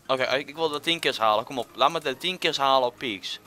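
Excitable bright-voiced young gamer guy. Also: medium pitch, fast talker, soft background music. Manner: excitable, chatty, swings between loud outbursts and muttering. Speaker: gaming YouTuber. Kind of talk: casual gameplay commentary.

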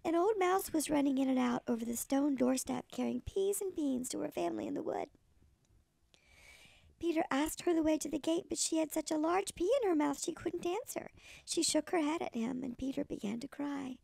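A sweet older woman with a thin, creaky voice, reading a children's story expressively like a kindly storyteller. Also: high-pitched, normal speed, warm tone, no room sound. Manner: sweet old lady.

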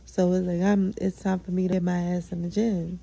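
A young woman talks straight to her listeners in a loose, candid solo podcast, swearing freely and hyping herself up. Her voice is very dark and gravelly, with a husky edge and plenty of vocal fry. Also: fairly low pitch, flat delivery, fairly quick, poor audio. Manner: chatty, candid, profane, self-affirming. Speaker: podcast host. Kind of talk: casual solo vlog chat.

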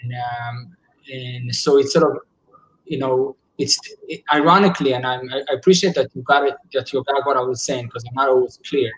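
A medium-pitched, fairly even voice belongs to a psychologist in his forties, talking fairly quickly on a casual video call from home. He speaks earnestly and often begins sentences again as he searches for words. His laptop webcam gives a low-quality recording.

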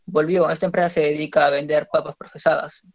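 Quick, flat-voiced man presenting. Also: fairly high pitch, no echo.

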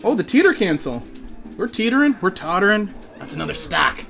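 A man's voice: high-pitched, sing-song, brisk, gravelly, a bit bright, faint music behind. A man doing playful, joking play-by-play commentary at a video game tournament. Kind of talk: casual esports commentary.

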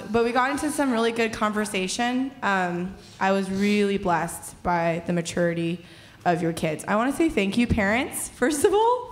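A woman's voice: mid-range voice, a little hiss or hum. A young woman sharing a chatty, bubbly testimony at a stand mic on a church stage, laughing often between thoughts. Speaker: youth leader sharing at church. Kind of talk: casual testimony.

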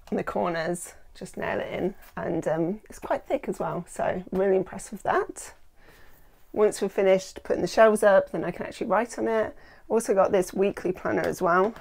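A woman's voice: mid-range voice, a little mellow. A woman in her thirties chatting enthusiastically on a renovation vlog, recorded indoors at home on a lapel mic. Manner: enthusiastic, chatty, lots of ums. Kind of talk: casual vlog narration. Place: house under renovation, indoors.

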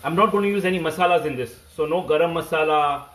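A man in his thirties with an Indian accent hosts a casual cooking livestream. His voice sits a little high, and he repeats short phrases as he chats to viewers. The room around him is clearly echoey. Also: fast talker, a bit bright. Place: home kitchen, indoors. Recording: echoey room, phone mic.

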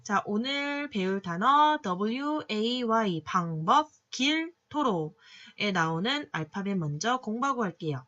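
Woman, phonics teacher, drawn-out letter sounds, very slow, bright tone, dull lo-fi audio. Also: mid-range voice, lively intonation. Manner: patient, drawn-out sounding of letters, many "자" cues. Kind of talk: slow classroom phonics lesson.

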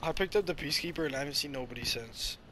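A young man commentating his own gameplay, excitable and prone to sudden yelling. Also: on the high side, racing, heavy background noise. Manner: excitable, bursts into yelling and shrieks. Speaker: gaming channel host. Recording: game gunfire behind the voice. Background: gunfire and game sounds.

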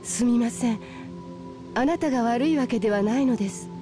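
A woman's voice: on the high side, lightly acted. An actress playing a composed, caring female water spirit in a video game, speaking politely and formally. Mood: gentle. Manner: polite, measured formal speech. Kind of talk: Japanese RPG cutscene voice acting. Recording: game soundtrack music behind.

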